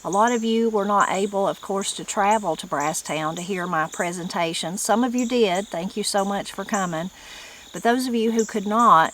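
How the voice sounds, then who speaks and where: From the mountains of western North Carolina, a middle-aged woman with a strong Appalachian accent and a fairly low, fairly bright voice hosts an online channel. She talks informally and folksily to her viewers with regional turns of phrase, while insects chirp in the noticeable background noise.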